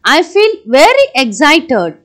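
A woman's voice: high voice, huge pitch swings, slow pace, fairly bright tone, full character voice. A woman voicing a cheerful schoolchild in a school puppet show. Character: cheerful schoolchild Kavi, friendly.

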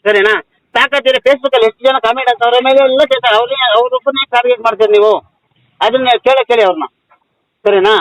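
A man's voice: very high-pitched, fast talker, fairly bright tone, no room sound. A man arguing on a phone call, insistent, repeating his demand and talking over the other person. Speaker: activist caller. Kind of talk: heated phone argument.

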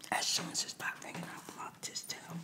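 Whispering woman telling a story. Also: moderate pace. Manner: chatty whispered gossip, addresses listener as child. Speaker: ASMR creator. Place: table at home, word search and chips.

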